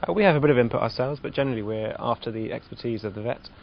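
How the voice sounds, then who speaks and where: Gravelly, quick-talking male farmer. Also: medium pitch, dull audio, slight background noise. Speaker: dairy farmer. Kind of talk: informal interview answers.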